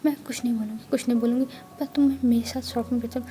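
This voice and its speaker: High mellow voice, a lady reading as a teasing young woman doctor, cheeky and bold. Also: steady tone, fast, lightly acted. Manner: playful, teasing.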